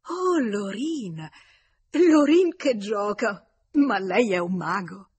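A woman reading aloud, giving voice to a lively young lady who exclaims brightly and speaks up over the narration. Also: a little slow, husky, dry recording, exaggerated voice. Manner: bright, exclaiming, louder and higher than the narration.

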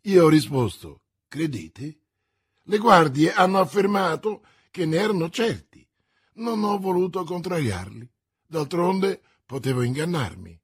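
Man doing a calm, unruffled musketeer. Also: a little high, slightly rough, voice pushed up. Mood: ironic. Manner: slow, unruffled, dryly ironic. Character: calm, aloof male musketeer around thirty.

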